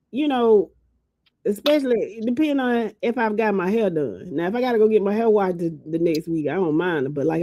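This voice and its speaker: A woman's voice: a little high, dry recording. Give me a teasing woman podcast host from Georgia, talking casually and close to the mic. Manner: laughs often, teasing and chatty.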